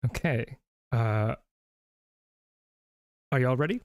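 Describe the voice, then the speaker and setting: A man's voice: medium pitch, slow pace, dry recording, studio quality. Self-deprecating man hosting a quiz. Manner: self-deprecating, thinks aloud with restarts. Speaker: trivia quiz host. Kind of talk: casual streamed quiz chat.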